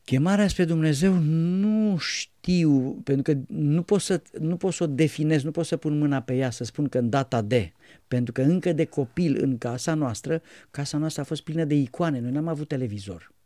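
A man's voice: a little high, dark tone, dry recording, studio quality. A man, an Orthodox priest, earnestly telling his life story with rambling restarts.

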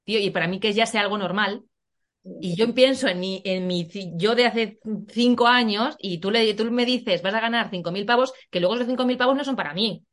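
Woman, Spanish accent from Spain, podcast host, frank and slangy, middling pitch. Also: a little fast. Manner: frank, slangy, many restarts. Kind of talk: casual interview chat.

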